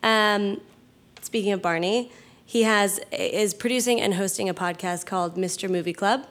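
A woman's voice: mid-range voice, normal speed, fairly bright tone. Woman co-host, upbeat announcer, light fillers. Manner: upbeat, reads out plugs with small hesitations. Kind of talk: casual announcements.

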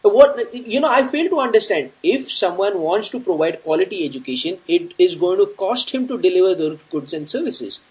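A man's voice: high-pitched, big pitch swings, normal speed, hardly any pauses, a little mellow, poor audio. A man with an Indian accent hosts a casual news discussion, explaining informally and jokily while slipping between English and Hindi. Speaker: host of an online news discussion show.

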